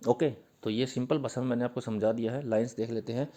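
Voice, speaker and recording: Man explaining in a mellow voice. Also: medium pitch, fairly even intonation, fast. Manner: uses fillers, repeats points patiently. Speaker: teacher. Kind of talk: exam-prep literature lecture.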